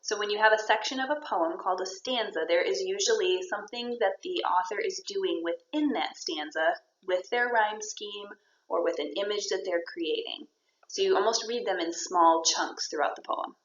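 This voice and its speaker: A woman's voice: medium pitch, normal speed. Woman teacher in a roomy, dull recording. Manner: encouraging, explains step by step. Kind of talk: recorded classroom lesson.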